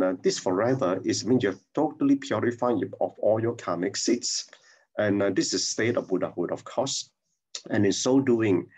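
A man's voice: sits low, creaky, a little mellow, husky. A man giving a reflective dharma talk over a video call, hesitant, with many fillers and restarts. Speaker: dharma sharer.

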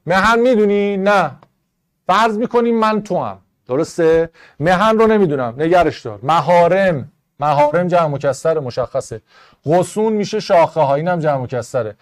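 A man teaching an online Arabic grammar class in Persian, going briskly through test answers and rules, step by step. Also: high-pitched, lively intonation. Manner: brisk, explaining step by step to students.

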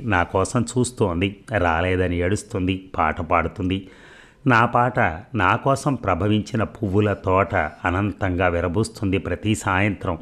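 Deep-voiced man narrating a story. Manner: measured, reflective first-person telling.

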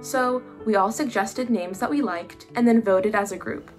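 A woman's voice: medium pitch, normal speed, faint music behind. A woman in her twenties from California speaking earnestly about her choir. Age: 20s.

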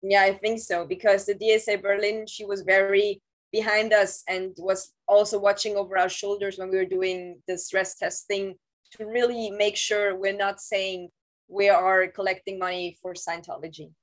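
A woman in her thirties, an interview guest, recounting her past in a casual, halting way with many restarts, speaking over a video call from a room at home. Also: mid-range voice, little pitch movement, poor audio. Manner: halting, with frequent restarts and "um" fillers. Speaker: interview guest, former Scientology staff member. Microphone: video call, laptop camera mic.

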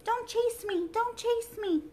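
A tiny porcelain princess, played by a woman reading a storybook aloud, speaks in a high, fragile little voice. She is prim and easily frightened, as if she might break. Her tone is delicate and proper. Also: moderate pace, fairly bright tone. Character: timid dainty china doll princess.

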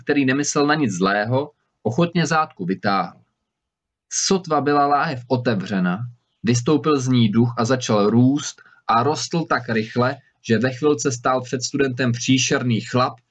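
A man reading a fairy tale aloud as an audiobook narrator, telling it steadily and livening up for the characters. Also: mid-range voice. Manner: steady storytelling, lively in dialogue. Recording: slightly dull recording.

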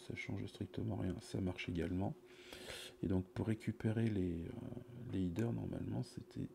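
A middle-aged man talks through his programming in a slow, low voice, casually and haltingly, often muttering to himself. The sound is that of a cheap USB mic, with faint noise and keyboard typing behind him. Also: gravelly. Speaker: programmer giving a live coding demonstration. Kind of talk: casual, improvised coding commentary. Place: small indoor room at a computer. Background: computer keyboard typing.

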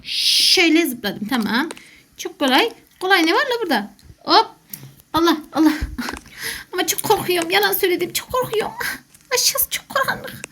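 A woman's voice: extremely high pitch, sing-song, normal speed, long pauses, a bit bright, slight background noise. A woman doing jokey, panicky let's play commentary as a gaming YouTuber who calls herself a gamer mom.

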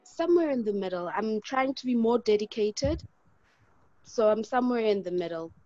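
A woman's voice: fairly high pitch, animated, normal speed, warm tone, dry recording, lo-fi sound. A woman joining an online workshop as a participant, polite and eager, a little hesitant. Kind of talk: casual chat on a video call.

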